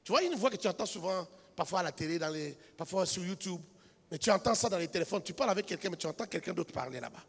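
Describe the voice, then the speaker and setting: A man preaching a sermon as a pastor, telling a story quietly and then building up to shouted, half-sung exhortation. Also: sits high, lively intonation, quick pace, gravelly, breathy edge. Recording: reverberant hall with music behind.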